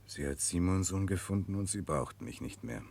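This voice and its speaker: An actor in a 1960s German radio drama playing a brooding, remorseful prince, grave and introspective. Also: male voice, low-pitched, lively intonation, moderate pace, a little mellow. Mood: sad, resigned. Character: brooding, remorseful Russian prince searching for redemption.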